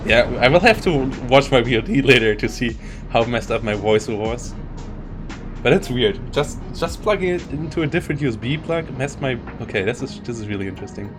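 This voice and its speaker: Over background music, a male esports caster covers a live strategy game tournament in a fairly quick, expressive mid-range voice. He rambles, cuts himself off, and starts over again and again.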